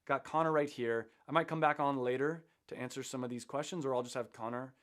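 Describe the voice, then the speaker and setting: A man's voice: mid-range voice, fast talker, fairly bright tone. A man hosting a casual livestream, chatting loosely about manufacturing and plugging his course. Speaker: host.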